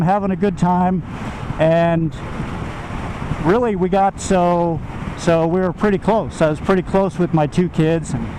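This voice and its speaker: A middle-aged American man telling a rambling, casual personal story from inside a motorcycle helmet while riding. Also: sits high. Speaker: motovlogger. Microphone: helmet microphone. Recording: helmet mic, loud engine and wind noise.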